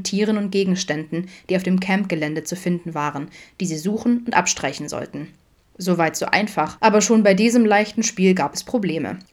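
A woman reading a fan fiction audiobook aloud in a steady storytelling manner. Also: lowish voice. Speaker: audiobook reader.

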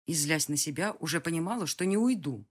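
A narrator giving a lively, expressive first-person reading of a fantasy audiobook. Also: medium pitch, a little fast.

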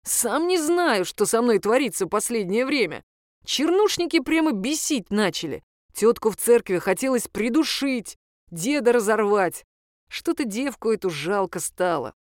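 A woman reading the lines of a gruff, mocking male demon in an audiobook, curt and grumbling. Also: on the high side, sing-song, normal speed, dry recording, studio quality. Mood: puzzled.

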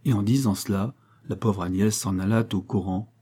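A man narrating a novel as an audiobook in an even, measured storytelling manner. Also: on the low side, slightly rough.

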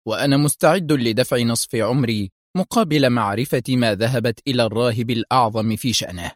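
A man's voice: mid-range voice, brisk, dry recording, lightly acted. A man voicing a serious, wry male secret agent with a dry, sometimes mocking manner.

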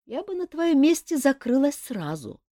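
A shrill, bossy young nymph girl , as a woman reads her, leaping high and loud through every line. The sound is close and dry, with no room around it. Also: sing-song, moderate pace, no room sound. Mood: offhand. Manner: shrill, scolding. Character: young female nymph dancer, fiery and bossy.

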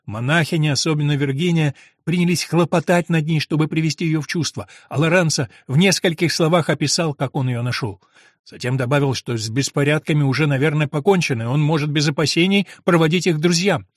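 A man reading a gothic novel aloud as an audiobook narrator, in a measured, even manner. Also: a little high, no echo, studio quality.

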